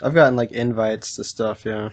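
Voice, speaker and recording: A man co-hosting a podcast, giving dry, quietly amused short replies, with faint music behind. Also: lowish voice, steady tone, moderate pace. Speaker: podcast co-host. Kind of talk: casual podcast chat.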